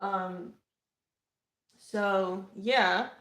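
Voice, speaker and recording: A woman's voice: medium pitch, fairly even intonation, very slow, a bit bright. A young woman casually telling a personal story on a livestream, rambling with lots of fillers and restarts. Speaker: vlogger. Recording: echoey room.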